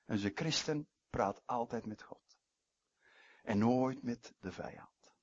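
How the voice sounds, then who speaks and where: Husky male preacher giving a sermon. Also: mid-range voice, slow, no echo, lo-fi sound. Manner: emphatic, swinging between loud stresses and quiet asides.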